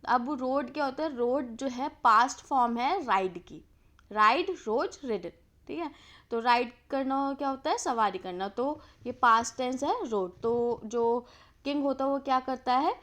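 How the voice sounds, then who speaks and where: A woman with a fairly high voice teaches a textbook story line by line. She reads each English sentence slowly, then explains it in plain, conversational speech and asks questions along the way. She sounds like a classroom lesson. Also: fairly bright tone.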